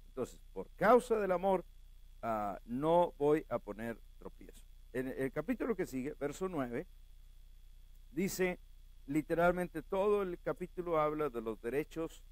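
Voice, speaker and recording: A man preaching a sermon as pastor, talking straight to his congregation in an animated way. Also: a little high, no room sound.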